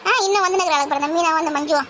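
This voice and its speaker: High-pitched gossipy woman. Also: very fast, a little hiss or hum. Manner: loud, grumbling, gossipy. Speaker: comedy sketch performer. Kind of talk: comic village sketch acting.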